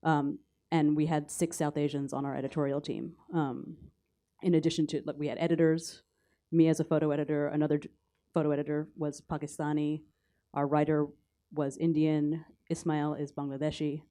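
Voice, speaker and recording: On a conference panel in a university hall, a photo editor from the United States talks in a low, mellow American voice with a flat, understated delivery. She goes through her slides haltingly and stops at times to search for her notes.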